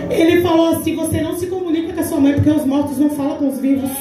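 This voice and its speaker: A woman's voice: high-pitched, little pitch movement, racing. A Brazilian woman in her forties, a deaconess, giving an emphatic testimony sermon at a church women's congress and acting out the dialogue she recounts. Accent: Brazilian Portuguese. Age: 40s. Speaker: deaconess preaching. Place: large church hall. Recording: echoey church hall from far off, faint music.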